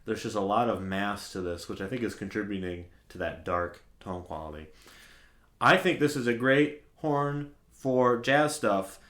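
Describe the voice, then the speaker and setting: A young man giving a casual, relaxed review of a trumpet, with lots of fillers like "like" and "um". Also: on the low side, measured pace, roomy sound.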